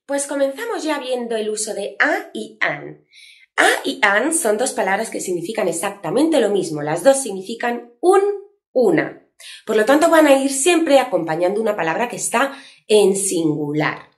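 A woman's voice: medium pitch, sing-song, normal speed, roomy sound. A woman teaching an English grammar lesson online, explaining patiently and stretching out her example words.

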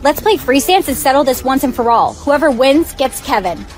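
A woman's voice: sits high, animated, moderate pace, soft background music. A woman acting out a comedy skit with a dramatic, exaggerated delivery.

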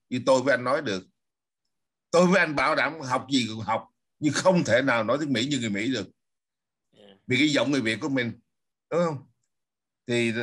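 A man's voice: medium pitch, fairly bright tone. A man hosting a casual political talk, emphatic and asking himself questions he then answers. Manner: emphatic, asks and answers his own questions.

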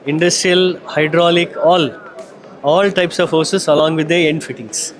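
A man's voice: on the high side, steady tone, unhurried, a little hiss or hum. A middle-aged man with an Indian English accent, confidently explaining his company's products on a handheld mic at a trade show booth. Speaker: company executive. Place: busy exhibition hall booth. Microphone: handheld microphone.

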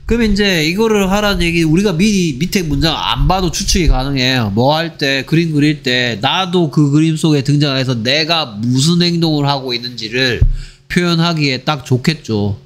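A man giving an exam-prep English lecture, firing off quick rhetorical questions and switching between Korean explanation and read-aloud English sentences. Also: a little high, fairly bright tone. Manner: drills with rapid rhetorical questions. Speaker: English teacher.

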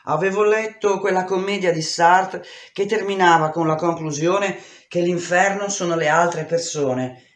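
A woman reading a memoir aloud in an intense, expressive way, shouting out the dialogue. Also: lowish voice, reverberant. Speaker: reader. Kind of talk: dramatic audiobook reading.

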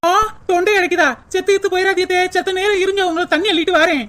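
A woman's voice: very high voice, fairly even intonation, very noisy. Woman voicing a mocking young daughter-in-law. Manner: fast mocking chatter. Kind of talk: cartoon voice acting.

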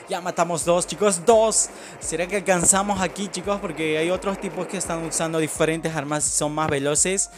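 Young guy, slightly high voice, game host talking his viewers through a match, chatty and prone to yelling and laughing, loud game music underneath. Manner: chatty, addresses viewers as "chicos", bursts into shouts and laughter. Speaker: gaming channel host. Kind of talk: casual gameplay commentary.

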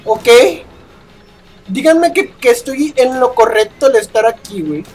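A man's voice: very high voice, expressive, a little slow, a little mellow. A young man with a Mexican accent giving horror gameplay commentary, shrieking in panic and swearing constantly. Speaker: gaming youtuber.

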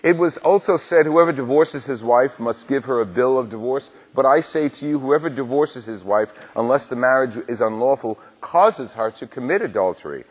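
A male priest proclaiming the Gospel at Mass in a measured, solemn way, his voice ringing with a long cathedral-like church echo. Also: mid-range voice, lively intonation, husky. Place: large church.

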